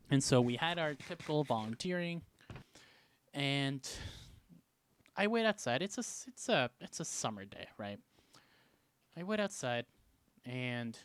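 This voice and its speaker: A man from Canada telling a story in a casual vlog, animated, jumping between loud bursts and hushed asides. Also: medium pitch, slight background noise. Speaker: vlogger.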